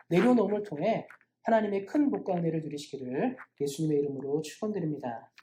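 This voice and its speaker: A woman's voice: medium pitch, dark tone. A woman pastor preaching a Sunday sermon in a church, asking the congregation rhetorical questions.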